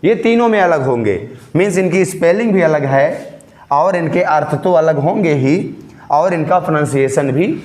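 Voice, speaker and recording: A man teaching a class, explaining each term step by step and slowly dictating definitions, then repeating them in Hindi. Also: a little high, darkish tone, echoey room. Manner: slow, dictating English definitions word by word. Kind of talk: classroom lesson, mixing Hindi and English.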